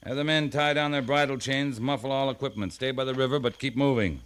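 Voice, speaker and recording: An actor playing a seasoned, terse cavalry captain in an old-time radio western, laconic and authoritative. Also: male voice, mid-range voice, fairly quick, fairly bright tone, clean tone, lightly acted. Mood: brisk command. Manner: laconic, authoritative, matter-of-fact.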